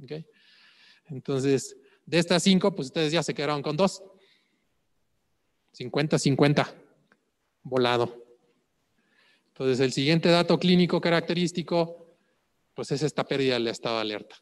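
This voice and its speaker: A man's voice: on the high side, normal speed, long pauses, long reverb tail. A man lecturing on clinical cases, asking rhetorical questions and checking in with "ok?". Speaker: medical exam prep lecturer.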